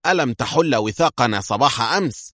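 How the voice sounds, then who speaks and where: A man's voice: mid-range voice, lively intonation, fairly quick, bright, forceful tone, dry recording, clean studio sound, pitched above the performer's own voice. A man doing a stern old bald villain. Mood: alarmed. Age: older. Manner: stern, commanding.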